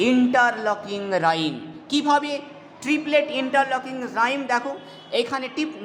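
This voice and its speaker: A woman teaches a poetry lesson, her voice sitting a little high. She keeps asking her students whether they have understood. The recording has a long hall reverb, and steady background noise stays clearly audible. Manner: checks in with rhetorical questions. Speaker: English literature teacher. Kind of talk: explaining a poem in a lesson.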